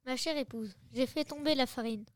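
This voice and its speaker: A woman's voice: high voice, normal speed, no echo, studio quality, lightly acted. A woman voicing a clumsy male god who is a husband and father, in an amateur story reading. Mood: sheepish.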